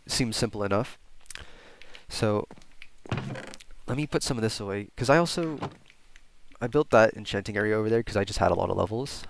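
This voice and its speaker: Congested from a cold, a young man provides casual Let's Play commentary as a gaming YouTuber, voice fairly low and creaky, with background noise audible. His chat meanders with fillers and false starts.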